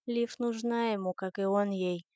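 A woman voicing a young man who is teasing and gentle toward his partner. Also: mid-range voice, fairly even intonation, moderate pace, clear, resonant tone, no room sound, close to an everyday voice. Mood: tender.

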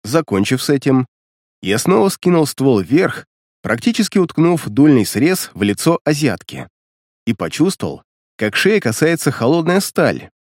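A man's voice: mid-range voice, big pitch swings, moderate pace, darkish tone, no echo, clean studio sound. A man narrating a first-person action story with vivid, dramatic storytelling. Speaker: audiobook narrator.

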